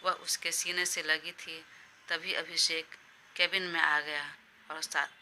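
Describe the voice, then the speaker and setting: A woman narrating an audio love story in a plain, steady manner. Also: low voice, slow pace, a little hiss or hum.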